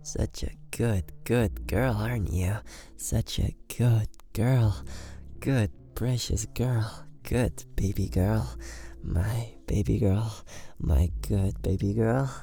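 A man in an ASMR boyfriend roleplay speaks close to the mic, offering soft, doting, repetitive praise that often slips into a whisper. His voice is lowish and slow, with vocal fry.

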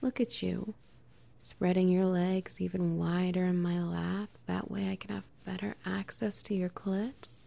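A young adult woman whispering softly and teasingly in an intimate audio roleplay, with quiet laughs between phrases. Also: fairly low pitch, little pitch movement, a little slow, gravelly.

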